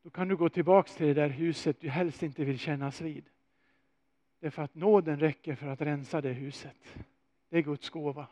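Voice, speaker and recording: A man preaching a sermon, telling a story with animated swings and rhetorical questions. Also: a little high, no echo.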